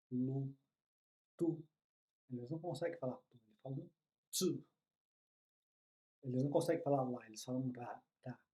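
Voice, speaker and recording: A man's voice: mid-range voice, dark tone, low-quality recording. A man, explaining Japanese in a casual online lesson and often checking in with the listener. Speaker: Japanese teacher.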